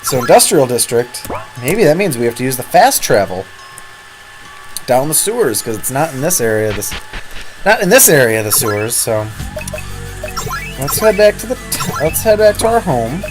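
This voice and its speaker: A man's voice: mid-range voice, big pitch swings, normal speed, long pauses. A man giving casual, rambling commentary on a role-playing game, his throat sore and prone to coughs. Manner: chatty, rambling, self-correcting. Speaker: let's-play host. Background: game music.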